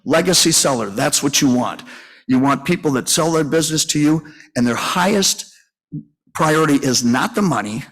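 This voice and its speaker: A man's voice: a little high, lively intonation, moderate pace, a bit bright. A man in his sixties giving a folksy, rambling conference talk, full of fillers and restarts as he tells stories. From Minnesota, US. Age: 60s. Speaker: funeral home owner and conference speaker. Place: conference session room.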